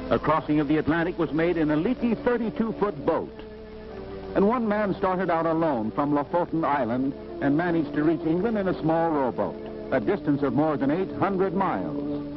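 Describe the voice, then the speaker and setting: Man narrating an old newsreel, slightly high voice, formal and declamatory, dull lo-fi sound. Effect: old newsreel recording. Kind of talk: scripted documentary narration. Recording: dull lo-fi 1940s newsreel audio with music. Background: music score.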